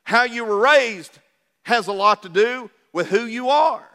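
A man's voice: very high-pitched, expressive, unhurried, bright, forceful tone. A man with an Appalachian accent preaching a sermon in a folksy, conversational way, putting rhetorical questions to his listeners. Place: large reverberant room, preaching to a congregation. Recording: reverberant hall sound.

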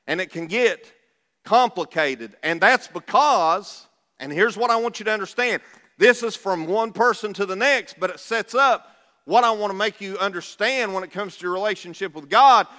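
A man with an Appalachian accent preaches a sermon to a congregation in a folksy, conversational way, asking his listeners rhetorical questions. His high voice is bright and forceful, and he keeps a moderate pace. The large room gives the recording a reverberant, hall-like sound.

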